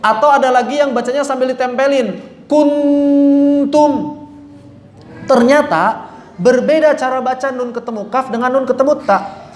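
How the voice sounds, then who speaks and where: A man's voice: extremely high pitch, fairly quick. A man teaching Quran recitation, correcting common mistakes and demonstrating right and wrong readings aloud. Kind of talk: tajwid lesson with recited examples. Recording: roomy echo.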